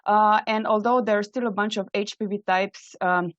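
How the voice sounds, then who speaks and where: A woman presents to an online audience, earnest and full of halting "uh" fillers. Her voice sits at a middle pitch. The sound is dull and dry, like a computer mic on a video call. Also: fairly even intonation, dry recording. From Slovenia. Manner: earnest, many hesitant "uh" fillers. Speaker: invited speaker, microbiology trainee. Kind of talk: webinar presentation. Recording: dull, dry webinar audio.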